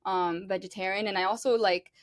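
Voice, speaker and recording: Young cuban-born woman w/ miami accent, upbeat casual chat, lots of "like", mid pitch, dry close mic. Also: steady tone, fairly quick, no room sound. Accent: Miami English. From Cuba. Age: young adult. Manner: upbeat, frequent "like" and "um" fillers. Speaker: pageant contestant guest.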